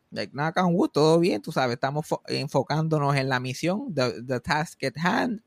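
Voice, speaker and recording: Lively young man telling stories, dry sound. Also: a little high, gravelly, dry recording. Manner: lively storyteller, swearing and mixing in English phrases. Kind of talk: casual chat.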